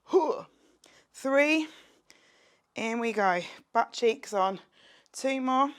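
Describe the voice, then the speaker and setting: Working out in her home beside a street window, a young woman instructs a fitness session while exercising herself, cracking jokes and staying chatty, upbeat and encouraging, with occasional whispers. Her voice is a little high, fairly bright and clean, with lively intonation and drawn-out words.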